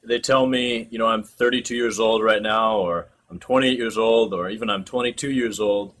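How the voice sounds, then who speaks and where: A man hosting an interview, asking thoughtful questions and encouraging his guest in a calm way. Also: lowish voice, moderate pace. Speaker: host.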